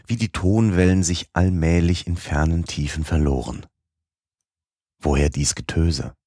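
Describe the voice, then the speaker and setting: A man reading a first-person adventure audiobook in a measured, dramatic way. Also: a bass voice, darkish tone, no echo, studio quality. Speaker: audiobook narrator. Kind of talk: scripted audiobook narration.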